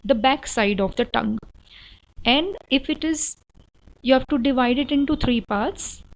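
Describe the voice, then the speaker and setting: Woman, patient pronunciation teacher, fairly high voice, slow deliberate delivery. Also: low-quality recording. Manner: patient, repeats letter sounds slowly and deliberately for the learner. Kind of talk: slow, explanatory lesson, switching between Hindi-Urdu and English.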